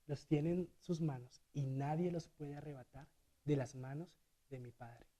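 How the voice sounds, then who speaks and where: A man preaching a sermon as a deacon in a church. He swings between loud and hushed delivery and acts out the quotes. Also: fairly high pitch, measured pace.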